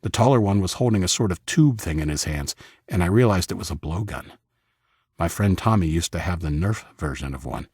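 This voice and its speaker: Deep, husky-voiced male narrator. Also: lively intonation, brisk, darkish tone, no room sound, studio quality. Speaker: audiobook narrator. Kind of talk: first-person audiobook narration.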